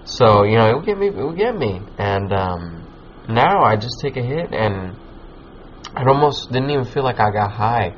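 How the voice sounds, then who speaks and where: Stoner dude rambling casually, slangy n sweary, lowish voice, kinda muffled with some noise. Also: male voice, sing-song, moderate pace. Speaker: podcast host. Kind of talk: casual chat, giving advice.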